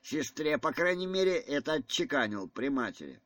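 A man's voice: fairly high pitch, sing-song, normal speed, a bit bright, no echo. A proud, nervous young man from an audiobook, as a man reading it puts him on, hesitant and defensive in his replies. The voice sits slightly raised, and the recording is dry and close.

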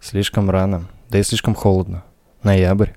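A man reading a story voices a calm, steady man who speaks in a measured way. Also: low-pitched, dry recording.

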